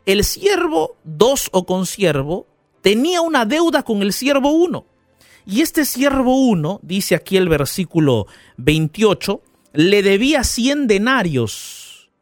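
A male pastor giving a radio sermon, retelling a parable with animated storytelling and asking the listener questions. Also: high voice, takes it slowly, no room sound, clean studio sound, soft background music.

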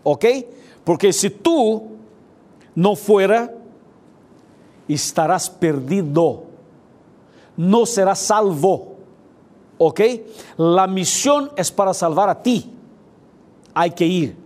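A man preacher voicing God speaking to Moses, commanding at times and gently reassuring at others. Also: sits high, expressive, extremely slow, long pauses, heavily acted. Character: patient but firm God speaking to Moses.

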